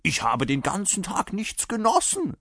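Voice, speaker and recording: A man voicing a brash, unflappable Prussian cavalryman in a dramatic story reading, with a high, strained, shouted bellow. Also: huge pitch swings, a little slow, dry recording, studio quality, full character voice. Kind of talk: dramatic reading of a classic anecdote.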